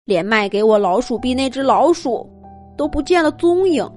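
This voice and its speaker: A woman's voice: sits high, animated, moderate pace, a little mellow, faint music behind. A woman doing a worried, scheming father mouse. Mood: choked up.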